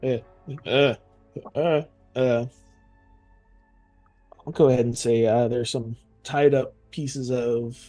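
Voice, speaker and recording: A man playing a tabletop role-playing game, describing and role-playing casually in a halting, thinking-aloud way. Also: medium pitch, fairly even intonation, mellow, no room sound, soft background music.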